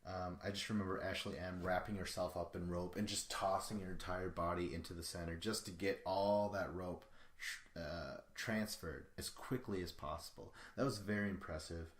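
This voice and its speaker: Low-voiced male podcast host, rambling and foul-mouthed, in an echoey room. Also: fairly even intonation, moderate pace. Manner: rambling, profane, chuckling asides. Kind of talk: casual solo recap of a reality show.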